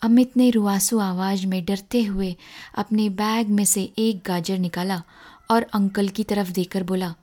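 A woman narrating a children's story, reading slowly and expressively. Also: medium pitch. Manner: slow, expressive reading with voiced dialogue.

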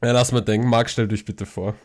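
A man's voice: medium pitch, steady tone, a little fast. A young man hosting a casual podcast with friends, often laughing and tripping over his words. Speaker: podcast host. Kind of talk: casual chat among friends.

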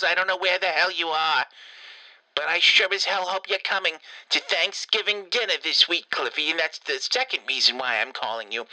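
A man's voice: a little high, pushed and bright, rough recording. A man doing a foul-mouthed old grandma. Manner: rambling, profane, doting. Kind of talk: comedic prank voicemail.

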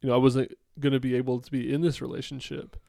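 A man's voice: mid-range voice, little pitch movement, quick pace, creaky, dark tone, no echo, studio quality. A man in his late twenties in a casual, thoughtful chat with his partner, rambling with many fillers and restarts. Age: late 20s.

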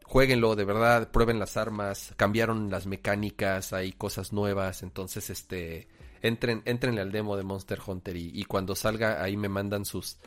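A man's voice: lowish voice, fairly even intonation, moderate pace, faint music behind. A man, eagerly chatting on a panel and stumbling through restarts. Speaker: co-host. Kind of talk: casual panel chat.

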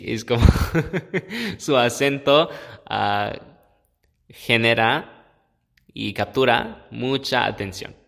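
Slow, low-voiced man hosting a podcast. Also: vocal fry, fairly bright tone. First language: English. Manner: hesitant, many filler "ah"s, self-deprecating. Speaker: podcast host. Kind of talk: casual educational monologue.

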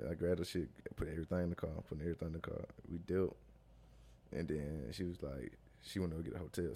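A man's voice: sits low, dark tone. A young man, a guest on a casual talk show, telling stories in loose, slangy talk and laughing through them. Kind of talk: casual storytelling chat.

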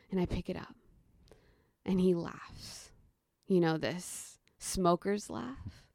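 Recorded in studio quality with no room sound, a fairly high-pitched American woman in her thirties talks casually as a storytelling guest. She moves into a present-tense personal story full of vivid quoted voices.

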